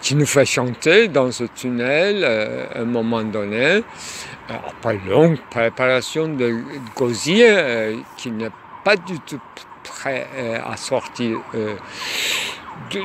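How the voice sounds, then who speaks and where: A man musing aloud in a rambling monologue, hesitant and full of pauses and fillers, outdoors near a tunnel. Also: medium pitch, lively intonation. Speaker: lecturer. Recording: loud traffic noise behind.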